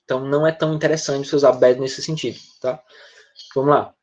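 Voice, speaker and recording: Speaking at a quick pace with a medium-pitched, slightly mellow voice and little pitch movement, a Brazilian English teacher walks online students through word meanings. He frequently tags on "né?" or "tá?" to check in, and the class audio sounds dull and lo-fi.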